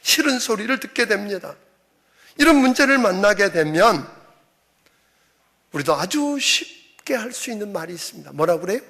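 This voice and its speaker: A man's voice: high voice, big pitch swings, normal speed, gravelly, long pauses, pushed and bright. A middle-aged man preaching a sermon as senior pastor, emphatic, often acting out quoted voices.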